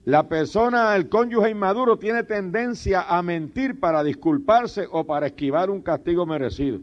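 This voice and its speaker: A man's voice: sits high, animated, moderate pace. A man preaching a sermon as pastor, fervent and humorous, breaking in often with praise to God. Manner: humorous storytelling with laughs. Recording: dull lo-fi sermon tape.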